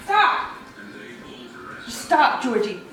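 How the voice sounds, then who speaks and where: High-pitched exasperated mom in an echoey room. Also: female voice, sing-song, drawn-out words, recorded from a distance, music in the background. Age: middle-aged. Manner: exasperated, foul-mouthed. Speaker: mother being pranked. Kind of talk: casual scolding. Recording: echoey room, other voices around.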